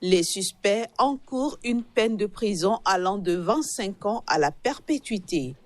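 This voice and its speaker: Woman reading a news report, measured. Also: mid-range voice, expressive, a little mellow, no room sound. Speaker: news reader.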